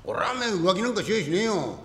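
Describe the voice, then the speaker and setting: A rakugo storyteller voicing a boastful young Edo-era craftsman in rough street speech, in an echoing hall. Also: mid-range voice, expressive, slow pace, darkish tone. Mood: bragging.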